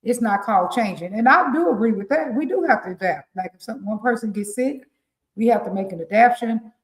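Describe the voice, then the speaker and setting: Animated country-accented woman, roomy echo. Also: fairly high pitch, a little fast. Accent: rural Southern US. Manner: animated, laughing, preachy advice-giving. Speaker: relationship coach co-hosting a morning show. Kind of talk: casual live-stream talk show.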